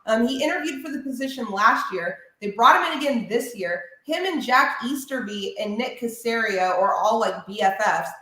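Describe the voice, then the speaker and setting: Woman sports radio host going off about football, kinda high voice, big echoey room. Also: normal speed, few pauses. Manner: animated, opinionated ranting. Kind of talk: casual podcast chat.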